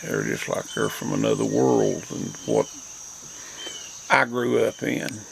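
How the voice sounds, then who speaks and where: A man's voice: fairly low pitch, fairly even intonation, takes it slowly, gravelly, low-quality recording. An older man with an Appalachian accent, rambling reflectively in a folksy, plainspoken mountain dialect. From Appalachian mountains, southern US. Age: older, grandparent. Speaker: host. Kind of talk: rambling, reflective front-porch monologue. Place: outdoors, rural porch. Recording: outdoor insect and nature noise.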